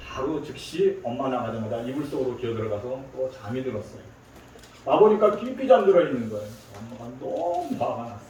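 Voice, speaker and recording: Korean pastor preaching in an echoey hall. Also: male voice, mid-range voice, sing-song, brisk, a little mellow, recorded from a distance, a little hiss or hum. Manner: storytelling, acts out quoted voices. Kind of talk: sermon. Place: large church sanctuary.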